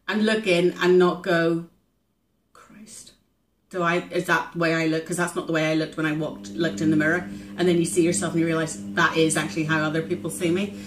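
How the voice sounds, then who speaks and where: A woman's voice: lowish voice, distant mic, a little hiss or hum. A woman in her forties talking earnestly in a personal diary vlog, reflective and full of ums and restarts. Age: 40s. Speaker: vlogger keeping a weight-loss diary. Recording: roomy echo with steady background ambience.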